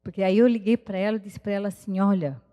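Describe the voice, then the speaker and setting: A missionary woman gives an earnest, heartfelt sermon testimony with prayerful pauses at a church service. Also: mid-range voice, steady tone, dark tone, lo-fi sound. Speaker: missionary preacher. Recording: reverberant church hall.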